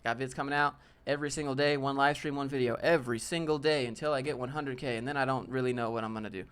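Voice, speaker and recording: His mid-range voice is clear, resonant, and a bit bright, with fairly even intonation and a fast pace. The speaker is a youthful-sounding man in his late twenties hosting a casual, joking live Q&A and reading viewer questions out loud.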